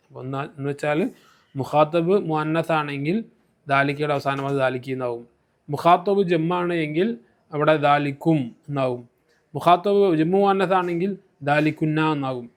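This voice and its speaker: A man teaching Arabic grammar in a recorded lesson, slowing down to spell out terms and repeating key points. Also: fairly high pitch, fairly even intonation.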